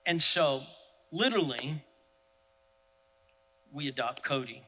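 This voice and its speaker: A male pastor, preaching in an animated, self-deprecating storytelling style. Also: a little high, slow pace, long reverb tail, poor audio. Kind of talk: sermon storytelling.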